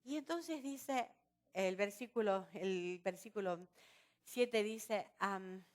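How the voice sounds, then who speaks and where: A woman preaching a sermon at a women's retreat, lively and often asking her listeners rhetorical questions. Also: medium pitch, slow. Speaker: retreat speaker.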